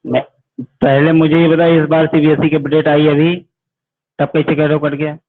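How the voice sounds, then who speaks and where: A man's voice: fairly high pitch, flat delivery, moderate pace. A male physics teacher, giving an online class lecture. He calls his students "beta", asks them questions and then answers them himself. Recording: tinny phone-like audio.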